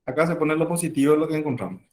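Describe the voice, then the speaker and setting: A man teaches medicine in a loose, chatty lecture, slipping into quick doctor-and-patient exchanges. His voice sits a little high for a man. He is picked up from across an echoing classroom, well away from the mic. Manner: conversational, acts out patient dialogues. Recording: echoey room, far from the mic.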